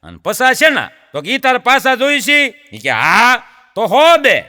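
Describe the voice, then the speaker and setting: A man's voice: very high-pitched, a little slow, long reverb tail. A man with a Gujarati accent performing stand-up folk comedy, telling jokes and stories to an audience he keeps calling sir. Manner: lively folk storyteller, addresses audience as sir.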